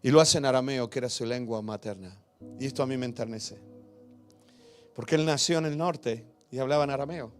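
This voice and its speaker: A man preaching a sermon as pastor, emphatic and questioning, with big swings between loud and hushed. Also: medium pitch, brisk, soft background music.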